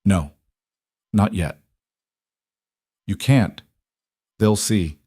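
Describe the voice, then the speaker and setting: A man's voice: on the low side, very slow, a little mellow, no room sound, clean studio sound, full character voice. A man voicing a young woman with a hidden power who speaks steadily and fiercely. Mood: determined.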